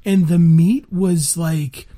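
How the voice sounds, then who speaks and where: A man co-hosting a casual food-review chat, relaxed and drawn out, saying "man" a lot. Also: fairly high pitch, slow. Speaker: podcast co-host.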